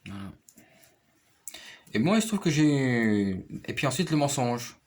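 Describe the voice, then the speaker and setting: Husky-voiced man, rambling and repetitive. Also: medium pitch, big pitch swings, unhurried. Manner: rambling, repeats himself, keeps checking the listener follows. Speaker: piano player and teacher. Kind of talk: casual personal conversation.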